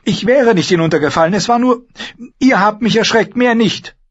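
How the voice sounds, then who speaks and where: A man reading an audiobook, voicing a frightened, polite young noble girl in a hesitant, pleading high voice. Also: normal speed, muffled recording. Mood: flustered. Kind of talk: audiobook character voice.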